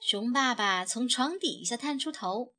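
Female storyteller, bright tone, unhurried, higher pitch, children's book reading. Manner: gentle, expressive narration. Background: soft background music.

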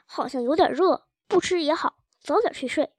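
A woman voicing a caring mother who soothes and gently teases her daughter, in a story reading. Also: high voice, moderate pace, no room sound, natural voice. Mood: soothing. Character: caring mother of a young girl.

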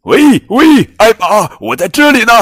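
A man voicing a playful young male elephant who loves pranks, calling in a high, loud voice, in a children's storybook reading. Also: expressive, normal speed, dry recording, studio quality.

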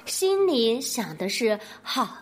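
Lively, unhurried woman storyteller. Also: a little high. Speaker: story narrator. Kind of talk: picture-book storytelling for children.

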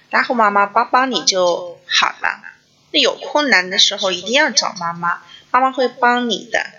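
A mother hosts a parenting class and shares a family story in a chatty, homely way. Her voice is bright and forward, at an ordinary pitch for a woman. The recording sounds dull and lo-fi. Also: husky.

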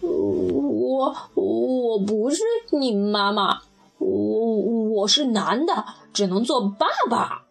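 A crafty, greedy fox, as a woman storyteller puts him on mutters and grumbles to himself in a voice dropped lower than her own. He talks slowly with a soft, breathy tone, as in a bedtime storybook. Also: sing-song, soft background music, full character voice. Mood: grumbling, flustered. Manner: lower, muttering self-talk.

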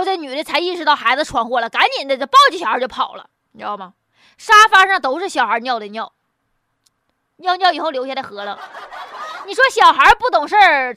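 A woman's voice: sits high, pushed and bright, no echo, clean studio sound. A woman with a Northeastern Chinese accent giving casual, humorous news commentary in a blunt, mocking, colloquial way full of rhetorical questions. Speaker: host.

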